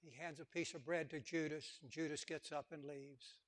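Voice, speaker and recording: A man's voice: fairly high pitch, fairly even intonation, normal speed. A man preaching a sermon with passion, repeating words for emphasis and acting out quotes.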